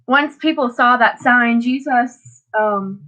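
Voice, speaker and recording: A teenage girl vlogs casually about her daily Bible reading, stuffed up and sniffling as she rambles with lots of fillers and restarts. Her voice is a little high and bright, with a forceful tone and a slow pace. The recording quality is low.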